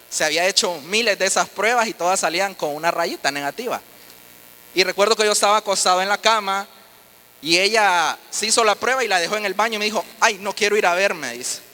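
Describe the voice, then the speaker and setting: A man's voice: sits high, sharp tone. A man telling his personal faith testimony earnestly, often restarting his words. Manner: earnest storytelling with frequent restarts. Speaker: testimony speaker. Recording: reverberant hall.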